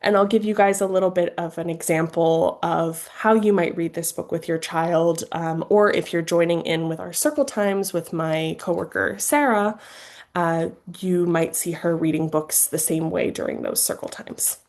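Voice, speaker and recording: A woman educator showing parents how to read aloud to toddlers, with slow, sing-song reading and big playful leaps in pitch, recorded on a webcam. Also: fairly even intonation, darkish tone. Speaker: early childhood educator. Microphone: webcam on a video call.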